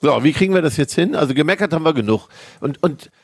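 A man's voice: on the high side, lively intonation, fast, breathy edge, no room sound, studio quality. A middle-aged man hosting a casual podcast conversation, talking emphatically and rambling with lots of filler tags. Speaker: podcast host.

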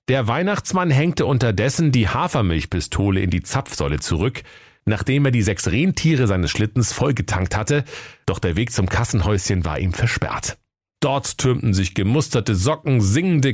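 A man's voice: lowish voice, dry recording, studio quality. A man narrating a children's story in a playful storytelling manner.

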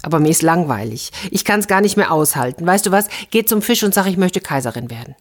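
A woman's voice: fairly low pitch, animated, fast. A woman voicing a fisherman's greedy, bossy wife in a fairy tale, demanding and commanding.

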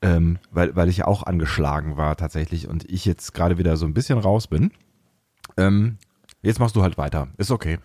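A man's voice: low voice, moderate pace, mellow, no room sound. A man hosting a podcast in casual, rambling chat with a wry manner. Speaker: podcast host.

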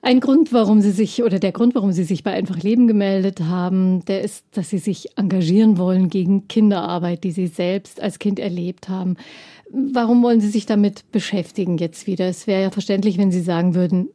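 A woman hosting a podcast, reading a scripted intro and then interviewing her guest in a measured, articulate way. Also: medium pitch, no echo, clean studio sound. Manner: measured, articulate, even-paced. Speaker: podcast host.

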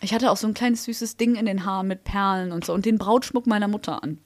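A woman's voice: mid-range voice, fast talker, dry recording. A young woman, talking into a podcast mic. She tells her stories in a chatty, blunt way. The sound is dry and close, with no room behind her. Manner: chatty storyteller, lively and blunt. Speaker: podcast co-host. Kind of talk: casual chat.

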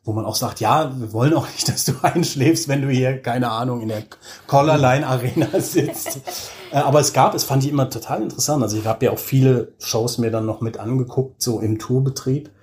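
Brisk and darkish in a mid-range voice, an audio drama director chats as an interview guest. His storytelling is casual and colloquial, he pokes fun at himself, and he acts out quoted remarks.

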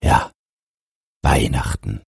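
A man voicing a poor, gruff father who grumbles in a storybook reading. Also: very slow, dry recording, clean studio sound.

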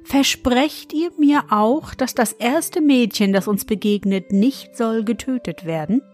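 Woman reader as kind youngest brother, calm, reassuring, slow. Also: fairly high pitch, soft background music, natural voice.

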